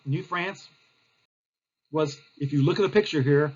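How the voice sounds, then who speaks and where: A man's voice: fairly high pitch, measured pace, husky, muffled recording. A male teacher, giving a recorded history lecture in a plain, explanatory way with frequent fillers.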